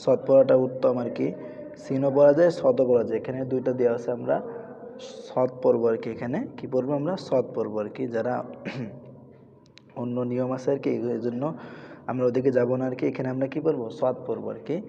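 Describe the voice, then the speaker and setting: A man teaching Quran reading in a madrasa, spelling out letters and slowly chanting each verse. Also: mid-range voice, fairly even intonation, creaky, warm tone, slight background noise. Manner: slow drawn-out chanting of verses, then quick spelled-out rules. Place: madrasa with children's noise around. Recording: lo-fi with long hall reverb.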